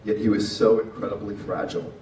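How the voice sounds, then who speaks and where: A middle-aged man delivering an informal funeral eulogy, tender and faltering, with halting pauses and repeated words. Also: fairly low pitch, little pitch movement, a little mellow. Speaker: eulogist, friend of the deceased. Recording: echoey, distant microphone, noisy room.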